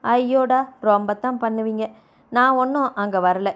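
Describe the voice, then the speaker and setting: A woman reading a storybook voices a cheeky, sharp-tongued young wife who mocks with quick retorts. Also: mid-range voice, lightly acted.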